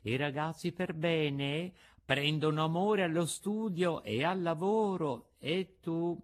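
Motherly fairy woman voiced by a man, soft, measured, unhurried, gently scolding. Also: fairly high pitch, pitched above the performer's own voice. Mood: gentle.

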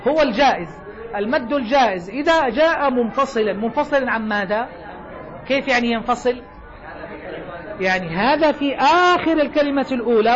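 A man teaching Quran recitation to a circle of students, quizzing them with short questions and reciting example verses slowly. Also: very high voice, a bit bright. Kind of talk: classroom lesson explaining a didactic poem. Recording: dull lo-fi class recording.

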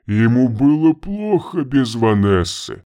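A man voicing a monstrous male shapeshifter who talks slowly with a gurgling sound and refers to himself in the third person. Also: mid-range voice, sing-song, dark tone, clear, resonant tone, dry recording, studio quality. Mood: devoted. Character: monstrous male shapeshifter, simple-minded, devoted and menacing. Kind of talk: audiobook character voice.

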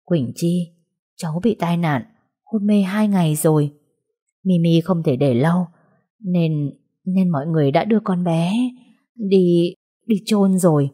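Woman reading a soft-spoken older aunt, consoling, hesitant, low husky voice, audiobook. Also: a little slow, pauses often. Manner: soothing, hesitant. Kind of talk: audiobook dialogue.

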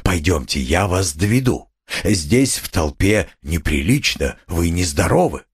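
A man voicing a kindly male official in his fifties, speaking softly and courteously to calm someone. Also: low-pitched, a little slow, slightly rough, heavily acted. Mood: soothing. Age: 50s. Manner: soft, calming, courteous. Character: solid, kindly middle-aged male official.

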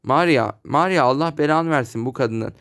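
A man's voice: medium pitch, normal speed, fairly bright tone, natural voice. A man reading aloud, voicing an impatient, brusque doctor who snaps at his visitor. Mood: irritable.

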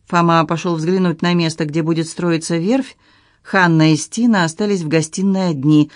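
Woman narrating an audiobook, low voice. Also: fairly even intonation, moderate pace, no echo, clean studio sound. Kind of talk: scripted narration.

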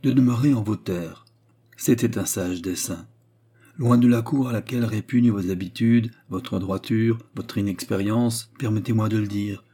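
A man's voice: lowish voice, normal speed, warm tone, breathy edge. A man voicing a proud, wounded queen in an audiobook reading of a novel, speaking with bitter reproach. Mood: advising.

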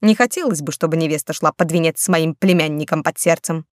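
A woman's voice: sits low, fairly quick, dry recording, close to an everyday voice. A woman voicing a young male duke with a dry, unflappable wit in an audiobook. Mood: deadpan.

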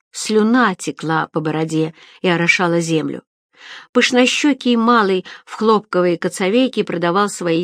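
Female audiobook narrator, lower register, even storytelling, dry close recording. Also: no room sound. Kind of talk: scripted narration.

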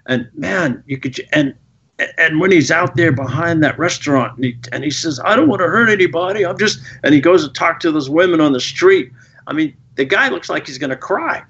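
A man guesting on a podcast, telling stories in an animated way and swearing freely. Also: fairly high pitch, moderate pace, lo-fi sound, a little hiss or hum. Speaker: film director guest. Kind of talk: podcast interview.

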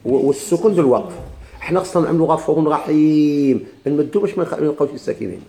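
A man with a Moroccan Arabic accent teaches a recitation lesson at a brisk clip. His voice sits a little high and sounds dark and mellow. He breaks off and restarts words as he spells them out, then asks the class questions. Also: animated. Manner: repeats words slowly, with many restarts. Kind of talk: classroom lesson explaining a text.

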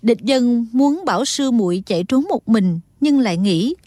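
A woman reads a martial-arts audiobook in a steady, dramatic storytelling manner. Her voice sits fairly high and sounds close and dry, with no room around it. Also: moderate pace, dry recording. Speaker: audiobook narrator. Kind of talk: dramatic scripted narration.

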